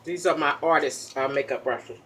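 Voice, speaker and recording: A chatty woman walks through a casual makeup tutorial, popping gum as she talks. She keeps checking in with a quick "okay?" after each step, over a faint hum behind her. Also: sits low, fairly bright tone. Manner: pops chewing gum while talking.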